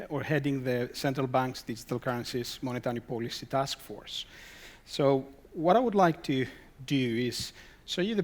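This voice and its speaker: Man giving a conference talk. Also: mid-range voice. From Greece. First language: Greek. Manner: reads out slide headings, asks rhetorical questions, dry asides. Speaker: conference speaker. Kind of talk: conference presentation.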